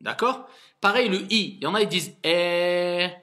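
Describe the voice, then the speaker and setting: A male imam leads a reading class with a bright, fairly high voice. He coaxes his students along and repeats each sound so they can echo it back. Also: animated, fast. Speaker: imam teaching Arabic reading. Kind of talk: classroom lesson.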